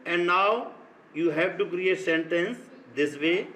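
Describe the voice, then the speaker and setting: A middle-aged Indian-accented male teacher talks a class through a grammar lesson. He speaks very slowly, in deliberate dictation-like phrases, and his voice sits a little high for a man. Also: bright, forceful tone, slight background noise, poor audio. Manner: slow, deliberate, dictation-like; switches between English and Hindi. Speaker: school teacher.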